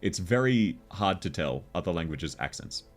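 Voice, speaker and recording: With a deep, animated voice at a moderate pace, this Australian man streams a game and talks easily with his audience, frequently laughing as he responds to messages in chat.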